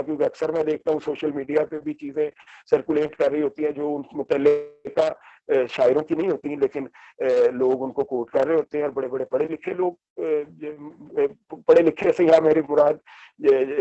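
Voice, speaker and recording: Hesitant man, mellow dull sound. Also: a little high, no room sound. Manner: hesitant, many filler sounds, mixes English terms. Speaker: speaker on books and reading. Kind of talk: reflective talk with anecdotes.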